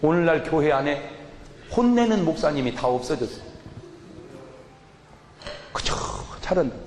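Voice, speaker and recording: A man preaching a sermon as a pastor, putting questions to the congregation and answering them himself, sometimes shouting in mock anger. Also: a little high, very animated, unhurried. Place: large church hall. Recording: echoey church hall with room noise.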